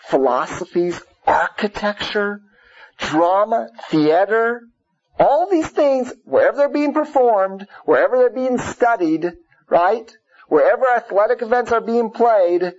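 A man giving an emphatic religious lecture, repeating phrases, asking rhetorical questions and peppering his English with Yiddish and Hebrew terms. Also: sits high. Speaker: religious teacher. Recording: dull lo-fi radio-like sound.

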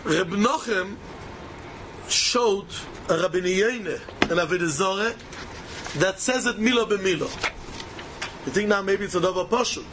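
A high-voiced man with a Yiddish accent teaches a religious text. His delivery swings widely in pitch as he fires off rhetorical questions and hammers key phrases by repeating them. A light wash of noise sits behind him. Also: lively intonation, a little slow, pauses often. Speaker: Torah teacher. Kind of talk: Talmud lesson, rhetorical questions and answers.

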